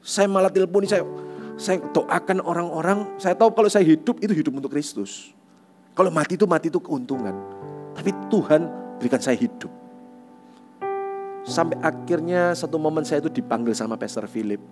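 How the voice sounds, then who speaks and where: Man, youth pastor, fairly high voice, lively storytelling sermon, faint guitar music behind. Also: a little fast. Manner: animated storytelling, repeats tag phrases. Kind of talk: sermon with personal testimony.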